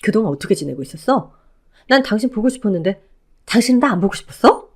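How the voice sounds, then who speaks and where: In a Korean audio drama, a woman plays a whiny, self-pitying ex-husband pleading with his former wife to take him back. Her mid-range voice is fast, very animated and slightly rough, and the mood is one of wheedling pleading.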